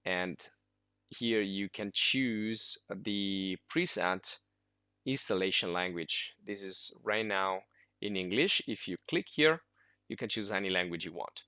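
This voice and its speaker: A software instructor whose first language is Italian walks through a tutorial in a loose, informal way, full of fillers and restarts. His voice is fairly low yet bright, forward, smooth and animated, and he speaks at a slow pace. The recording is dry and close, with no echo or room sound.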